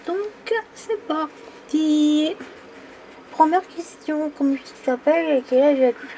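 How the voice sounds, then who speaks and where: Young woman, 20s, high voice, slow pace, hesitant fillers, coloring vlog, faint background hiss. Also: warm tone. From France, Île-de-France. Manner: hesitant, many fillers and pauses. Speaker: coloring YouTuber. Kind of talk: casual vlog while coloring. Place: indoors at a table.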